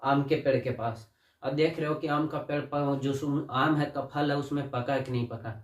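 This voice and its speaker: In an echoey room picked up by a distant mic, a male teacher with a medium-pitched voice leads a classroom lesson at a moderate pace with fairly even intonation. He calls the students "child" (बच्चा) and poses questions that he then answers himself.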